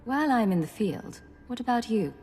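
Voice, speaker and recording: A woman's voice: a little high, lively intonation, moderate pace, darkish tone, slight background noise. A woman playing a cool, composed secret agent in a video game. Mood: cool, wry. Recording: reverberant hall, music behind.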